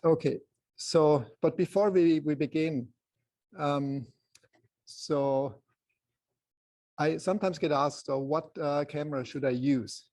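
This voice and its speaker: A soft-spoken Swiss man with a slightly high voice and a Swiss accent gives an informal photography lecture to a group. He speaks in halting phrases with many pauses.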